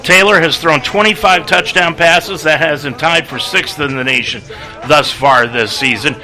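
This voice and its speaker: Man, play-by-play radio announcer, brisk stat reading, bright tone. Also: a little high, soft background music, rough recording. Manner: brisk, reads stats and lists. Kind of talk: radio sports broadcast.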